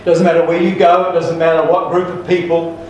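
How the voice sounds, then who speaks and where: Guy preaching n telling jokes, bit high voice, big echo, far from the mic. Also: completely flat delivery, brisk, a little mellow, a little hiss or hum. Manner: folksy joke-telling with restarts, emphatic. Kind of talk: sermon with jokes. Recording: echoey church hall from far off.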